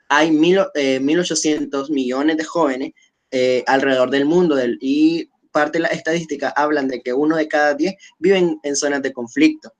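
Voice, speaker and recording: A man hosting a webinar and moderating an online panel. He speaks in a measured way, with frequent fillers and restarts. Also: a little high. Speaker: webinar host.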